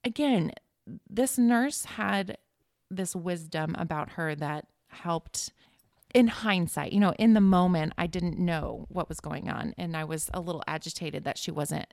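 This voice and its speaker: Creaky-voiced woman telling a personal story. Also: on the low side, a little slow, darkish tone, no echo, clean studio sound. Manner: earnest, emotional, many restarts. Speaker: podcast guest.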